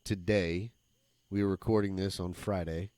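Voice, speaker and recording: A man's voice: low voice, fairly even intonation, moderate pace, warm tone, no room sound. A man co-hosting a podcast in casual chat, joking and swearing easily. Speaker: podcast co-host.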